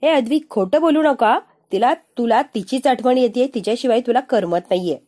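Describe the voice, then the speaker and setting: Brief: woman doing a man's own inner voice, needling and lecturing, dark, slightly high tone. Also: lively intonation, normal speed. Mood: scolding.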